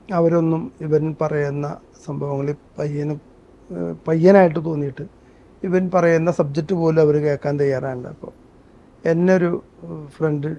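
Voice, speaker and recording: Male guest, earnest storyteller, higher voice, muffled lo-fi sound. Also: mellow. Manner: earnest storytelling, breaks into song. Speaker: interview guest, actor and singer. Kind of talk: conversational interview with sung excerpts.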